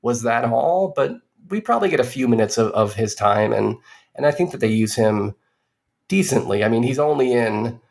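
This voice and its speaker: A man's voice: medium pitch, expressive, moderate pace, vocal fry, a little mellow. A man co-hosting a podcast, giving a casual movie review in a rambling way with dry, sardonic asides.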